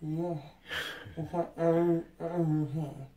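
A man's voice: on the high side, fairly even intonation, a little slow, mellow. A teenage boy, groggy and dazed from anesthesia, rambling in a slurred mumble through gauze and numb lips. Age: teens. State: groggy from anesthesia after wisdom tooth removal. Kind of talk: casual chat. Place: small recovery room, indoors. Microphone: handheld phone a few feet away.

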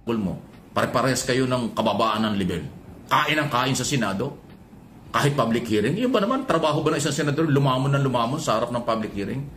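A man's voice: medium pitch, animated, quick pace, background noise. A man making heated public remarks, speaking in an accusatory, scolding way.

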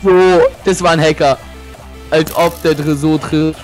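A man's voice: a little high, steady tone, measured pace. A young man chatting casually during a game, using slang mixed with English gamer words. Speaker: gaming partner. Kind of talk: casual gaming chat. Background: faint music.

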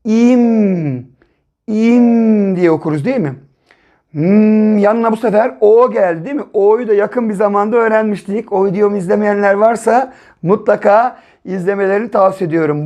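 A man's voice: sits high, darkish tone. Patient male teacher sounding out syllables. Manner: slow, patient step-by-step explaining with repeated syllables and "değil mi?" checks. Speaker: primary school teacher. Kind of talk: early reading and writing lesson for children.

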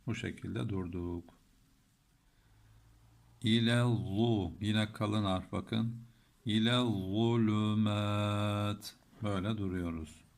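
This Turkish-accented man gives a patient lesson on Quran recitation rules. His pitch is fairly low with fairly even intonation and some vocal fry, and he chants verses slowly, breaking words into pieces to explain them.

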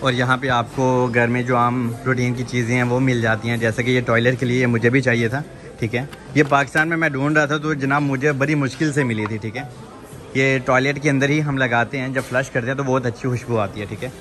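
A man with a medium-pitched, fairly bright voice and fairly even intonation speaks a little fast while vlogging on a handheld phone camera through a large supermarket in a shopping mall. He chats casually with viewers, calls them "janab", and says "theek hai" often over the noisy store background.

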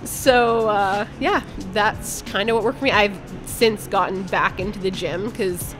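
A woman's voice: mid-range voice, a little slow, over music. A woman guest on a podcast, telling a personal story in a candid, blunt way and swearing casually. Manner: candid, blunt, speaks her mind.

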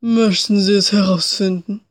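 Creepy partridge school physician for a game, woman performing: polite, curt, quietly threatening. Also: mid-range voice, fairly even intonation, moderate pace, pitched below the performer's own voice, natural voice. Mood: cool menace. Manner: polite, curt, faintly menacing. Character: creepy, cool male partridge school doctor. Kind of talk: video game character voice in a let's play.

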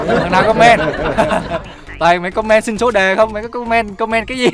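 A man's voice: high-pitched, steady tone, moderate pace, over a noisy crowd. A man giving joking, teasing gameplay commentary while he plays, swearing casually and laughing often. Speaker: gaming channel host.

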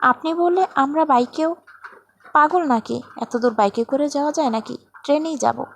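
A woman reading a story voices a calm young woman who speaks softly and reasons with measured firmness. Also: high-pitched, gravelly, slight background noise.

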